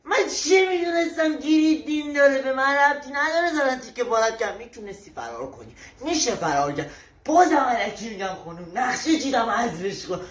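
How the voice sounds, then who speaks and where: A woman playing a blustering, scheming father in a comedy sketch, talking in loud, scolding bursts. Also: high voice, very animated, echoey room.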